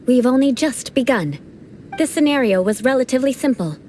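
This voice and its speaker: Here a woman performs game cutscene dialogue as a haughty, formal young noble knight whose mentoring comes laced with dry teasing. Her voice is high, expressive and quick, its tone on the dark side, and she sounds cool throughout. A little background noise can be heard.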